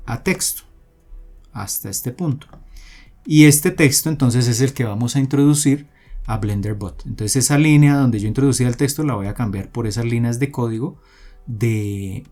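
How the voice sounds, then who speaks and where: A man giving a coding tutorial, explaining step by step in a steady voice with many fillers and restarts. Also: mid-range voice. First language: Spanish. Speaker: programming tutor. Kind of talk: screen-recorded coding tutorial.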